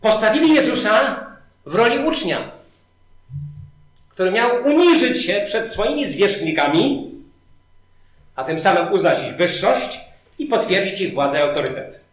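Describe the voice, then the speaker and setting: A man's voice: sits high, animated, measured pace, pauses often. A male preacher giving a sermon, telling stories animatedly and building up emphasis. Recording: very echoey hall.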